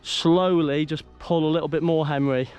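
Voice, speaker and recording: A man chatting excitably to his mate while fishing outdoors at a lake. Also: on the high side, normal speed, smooth. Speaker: angler. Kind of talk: casual live chat while fishing. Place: lakeside outdoors.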